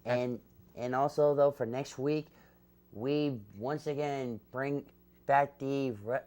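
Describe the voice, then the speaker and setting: A man's voice: medium pitch, steady tone, slow pace, mellow. A man co-hosting a wrestling podcast, talking in a playful, joking way. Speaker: podcast co-host. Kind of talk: casual wrestling podcast chat.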